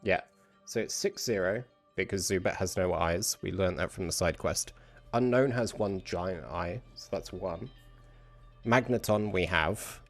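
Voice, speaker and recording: A man's voice: low voice, a little slow, faint music behind. A man streaming a video game, thinking aloud in casual commentary as he plays. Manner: thinking aloud, muttering to himself.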